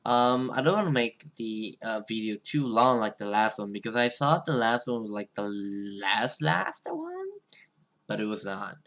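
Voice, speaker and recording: A gaming video host does let's-play commentary, switching between reading game narration aloud and reacting, in an informal, hesitant way. His mid-range voice is sing-song and sharp, at a moderate pace.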